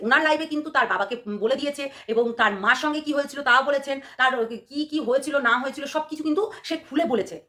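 Hoarse woman vlogger, high voice, rapid scolding rant full of sarcastic questions. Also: sharp tone. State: hoarse from a cold. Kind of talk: ranting commentary to camera.

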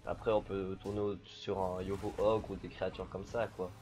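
Low, flat-voiced man streaming a game. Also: moderate pace. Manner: relaxed, rambling, many fillers. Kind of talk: casual gameplay commentary.

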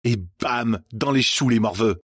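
A man's voice: mid-range voice, a little slow, fairly bright tone, husky, dry recording, clean studio sound. A man voicing a cruel, ambitious teenage girl who mocks and gloats, in an audiobook reading. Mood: gloating. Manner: mocking, arrogant.

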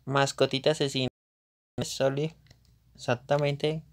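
A man's voice: medium pitch, flat delivery, measured pace, creaky. A man giving casual live commentary on a video game, reacting to scenes and talking to viewers at his computer mic. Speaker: livestreamer.

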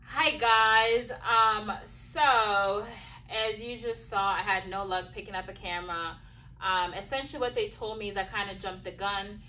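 A woman's voice: mid-range voice, unhurried, pushed and bright, recorded from a distance, a little hiss or hum, poor audio. A young woman talking to her camera in a casual vlog, tired and rambling, with lots of fillers and restarts. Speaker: vlogger.

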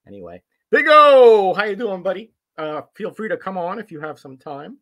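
A man's voice: high-pitched, fairly quick, creaky. A man casually hosting a live stream from his home collectibles room, friendly and rambling with lots of fillers. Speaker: comic collector streamer host.

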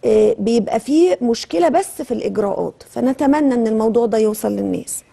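A woman's voice: on the high side, animated, quick pace, creaky, warm tone, husky. A middle-aged woman with an Egyptian accent, hosting a live call-in talk show in a TV studio. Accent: Egyptian Arabic. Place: TV studio, indoors.

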